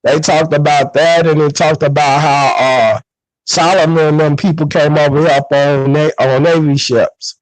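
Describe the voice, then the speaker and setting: A man's voice: a little high, fairly even intonation, moderate pace, no echo. Rambling man on a distorting mic. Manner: rambling, many fillers and restarts. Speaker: panelist. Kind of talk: casual group chat. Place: online voice chat. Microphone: loud mic, distorting.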